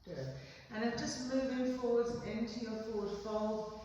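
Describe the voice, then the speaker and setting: A woman leading a yoga class with gentle, steady cues, often checking in with a quick "okay?". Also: a little high, muffled recording. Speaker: yoga instructor. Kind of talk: guided yoga class instruction. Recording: very echoey room, voice far from mic, faint background noise.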